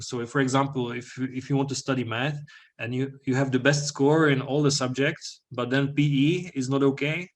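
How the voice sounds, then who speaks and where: A young man talks an audience through a slide presentation in a middle-pitched voice. He explains patiently, peppering his talk with fillers and asking "all right?" to check that everyone follows.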